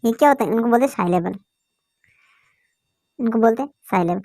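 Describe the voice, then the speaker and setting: A woman's voice: fairly high pitch, brisk, dark tone, no room sound, studio quality. A woman teaching a basic English lesson, asking questions and answering them herself. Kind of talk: classroom lesson explanation.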